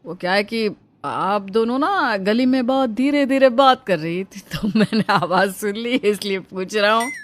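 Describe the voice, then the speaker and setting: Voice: mid-range voice, unhurried, few pauses, close to an everyday voice. Someone voicing a fed-up young husband in a cartoon, defensive, midrange voice. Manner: defensive, complaining.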